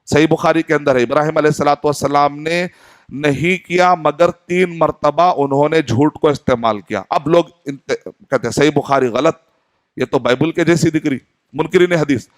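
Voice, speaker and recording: A man's voice: on the high side, no echo. A man in his forties from Hyderabad, India, giving a sermon in an earnest teaching tone, posing questions and acting out short dialogues. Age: 40s. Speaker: Islamic preacher.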